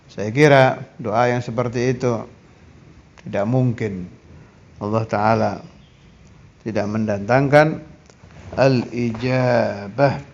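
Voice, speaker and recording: A man's voice: medium pitch, a little mellow. Male preacher, emphatic teaching tone, lo-fi muffled sound. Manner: earnest, emphatic, with Arabic recitations. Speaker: Islamic preacher. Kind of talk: sermon teaching.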